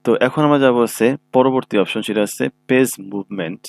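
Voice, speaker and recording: A man's voice: mid-range voice, fast talker, creaky, a little mellow. A man giving a screen-recorded computer tutorial, explaining each step patiently and often checking that listeners follow. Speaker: computer instructor. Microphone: own microphone.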